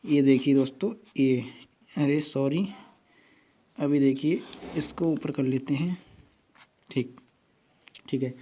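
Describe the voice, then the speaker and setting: A man's voice: medium pitch, mellow, slight background noise. A man teaching a coaching-class lesson at a board, walking through memory tricks step by step and often asking "theek hai" to check along. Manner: repeats "dosto" and "theek hai" often, spells out words slowly. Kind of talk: whiteboard tutorial lesson.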